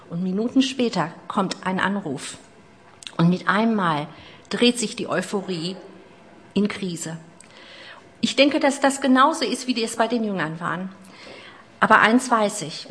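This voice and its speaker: A middle-aged woman preaching a sermon, retelling a story with personal asides, moving between loud emphasis and hushed lines. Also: mid-range voice, slight background noise.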